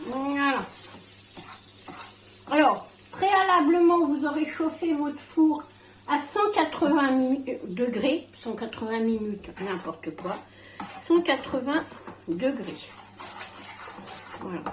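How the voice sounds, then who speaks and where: A woman with a high-pitched, animated voice speaks slowly and leaves long pauses, her words slurred and toothless because her dentures are out. At home in her kitchen, she chats casually and hesitantly through a cooking demonstration, often stopping mid-sentence. The low-quality recording has an echoey room sound and a little hiss or hum.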